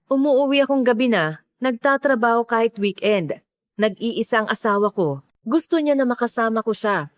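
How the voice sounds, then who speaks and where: Gentle, protective bookstore owner, read by a woman narrator, dry close sound. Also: on the high side, no echo, lightly acted. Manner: calm, protective, confiding. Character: gentle grieving bookstore owner, middle-aged man.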